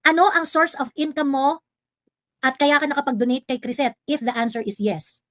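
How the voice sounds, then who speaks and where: Sarcastic high-voiced woman livestreamer. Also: normal speed, dry recording. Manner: sarcastic, confrontational, mixing Tagalog and English. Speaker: livestream vlogger host. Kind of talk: heated livestream commentary.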